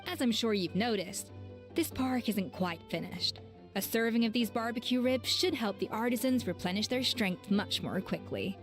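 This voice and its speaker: A woman voicing a calm, courteous female chef in game dialogue. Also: on the high side, soft background music, close to an everyday voice. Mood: composed. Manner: smooth, measured and courteous.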